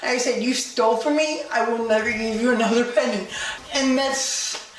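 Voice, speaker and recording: A drunk woman complaining in an agitated way to a police officer, swearing often. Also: a little high. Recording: very echoey, distant, faint noise.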